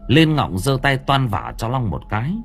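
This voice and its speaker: Lively male audiobook narrator. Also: mid-range voice, normal speed. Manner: lively storytelling with colloquial humor. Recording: faint music behind.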